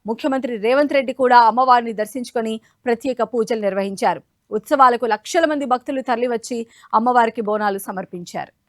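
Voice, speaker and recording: Woman, TV news anchor, high-pitched, presenting delivery, dry close recording. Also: quick pace, dry recording.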